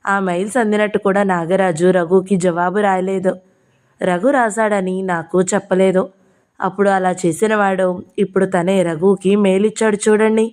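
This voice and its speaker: A woman's voice: medium pitch, fairly even intonation, moderate pace, a little mellow, lightly acted. A woman reading the part of an earnest young wife in an audio novel, in her own voice.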